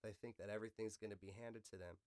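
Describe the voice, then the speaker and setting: An American podcast host with a fairly low, steady, slightly mellow voice talks quickly in loose, unscripted conversation, offering opinions full of slang and the odd curse word. The recording is dry and studio quality.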